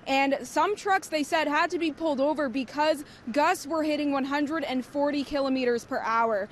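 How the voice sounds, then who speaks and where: A woman's voice: sits high, moderate pace. A woman with a Canadian accent delivering a scripted television news report as a reporter. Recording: faint vehicle noise behind.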